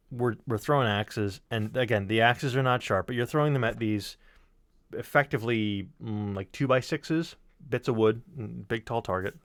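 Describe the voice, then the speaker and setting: On a podcast stream, a man shares a casual anecdote in a wry, emphatic style, throwing in some swearing. His voice is medium-pitched, clear, and resonant. The studio-quality audio has no room sound.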